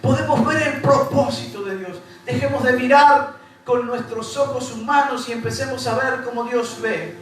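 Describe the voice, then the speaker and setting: A man's voice: very high-pitched, moderate pace, a bit bright. A man with a Rioplatense accent preaching a sermon as pastor, repeating phrases and speaking straight to his congregation. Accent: Rioplatense Spanish. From Uruguay. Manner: preaching with repetition and rising emphasis, addressing the congregation directly. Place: church hall. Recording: echoey church hall from far off, music behind.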